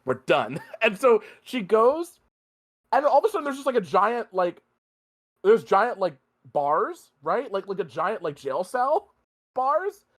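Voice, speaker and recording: Animated man with a lively voice. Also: high-pitched, a little slow. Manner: animated, swears freely, laughs often. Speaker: podcast host. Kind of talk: casual movie review chat.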